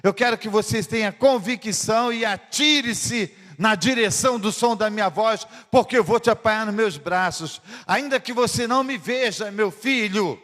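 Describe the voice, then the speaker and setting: A man's voice: sits high, moderate pace, few pauses, fairly bright tone. A preacher voicing a reassuring father. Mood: urging. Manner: insistent, encouraging. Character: calm, reassuring father guiding his son. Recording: echoey church hall.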